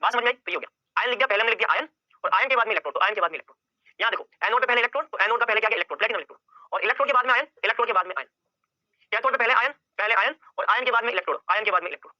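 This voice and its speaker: A man's voice: sits high, very fast, bright, forceful tone, dry recording, highs cut off. A male chemistry teacher giving an exam-prep lecture, firing off questions and answering them himself and repeating key points over and over.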